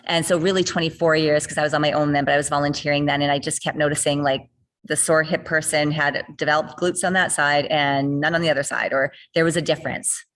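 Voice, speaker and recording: A woman's voice: sits low, level tone, fast, fairly bright tone. A middle-aged woman fitness trainer on a video call, explaining rehab ideas earnestly and repeating key points for emphasis. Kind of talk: explanatory interview talk.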